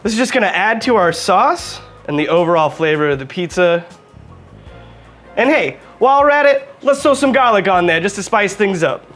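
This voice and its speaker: A man's voice: sits high, expressive, normal speed, fairly bright tone, faint music behind. A man hosting a home cooking video, joking and chatting directly to viewers as he demonstrates. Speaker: cooking show host.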